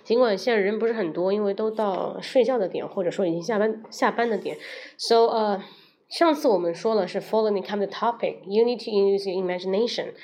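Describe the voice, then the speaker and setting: A woman's voice: mid-range voice, dark tone. Woman teaching vocabulary on a livestream. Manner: explains words in Chinese and repeats English words slowly, syllable by syllable; mixes Chinese with English phrases. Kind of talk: livestream lesson.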